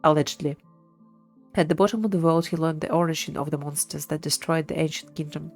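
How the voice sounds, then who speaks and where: Over game music, a female streamer talks quickly in a low, steady voice, narrating live gameplay and reading passages of the game's lore.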